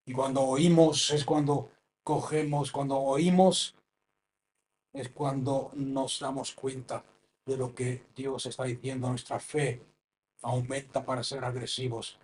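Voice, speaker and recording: Impassioned preacher man. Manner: impassioned, swinging from loud cries to low hushed phrases. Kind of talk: sermon.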